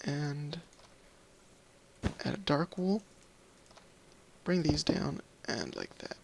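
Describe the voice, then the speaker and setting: Speaking very slowly in a creaky, high-leaning voice with big pitch swings, the host of a gaming video series talks through a casual Minecraft let's play. He sounds tired and slightly scratchy, rambling, apologizing and thinking aloud.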